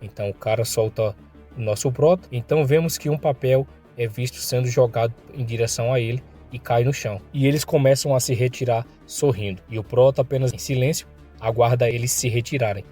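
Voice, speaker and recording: A man's voice: medium pitch, a little fast, mellow, soft background music. A man narrating a comic recap in a casual, slangy storytelling manner.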